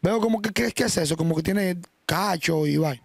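Dominican male interviewer, fast and high-pitched, keeps probing. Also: vocal fry. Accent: Dominican Spanish. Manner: probing questions, stammering repeats. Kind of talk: casual interview.

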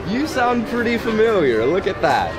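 A man's voice: high-pitched, normal speed. A young man playing a breezy, cocky storybook thief as a theme park character. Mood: breezy, teasing. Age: young adult. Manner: breezy, animated, showy. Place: outdoors at a busy theme park. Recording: loud park music and crowd noise.

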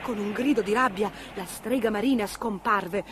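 A woman narrating a children's storybook with an expressive, lively reading. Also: medium pitch, normal speed, very noisy.

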